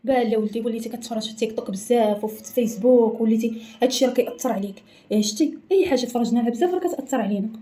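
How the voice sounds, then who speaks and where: A woman voicing a calm Moroccan father with a Moroccan accent, patiently advising his son. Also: fairly high pitch, very fast, lightly acted. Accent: Moroccan Arabic.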